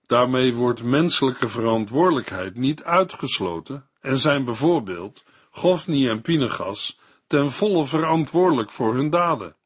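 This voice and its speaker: A man reading a scripted Bible commentary in a measured, didactic way. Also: medium pitch, expressive, husky. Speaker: Bible teacher.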